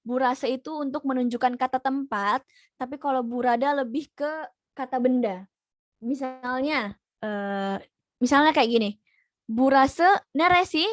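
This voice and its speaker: A young woman teaching an online language class, patiently repeating each point slowly. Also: high-pitched, dry recording.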